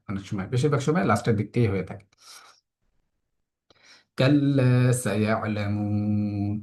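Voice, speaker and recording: A man teaching a tajweed lesson for children, explaining the rules patiently step by step and reciting verses slowly with long drawn-out vowels. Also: on the low side, a little mellow.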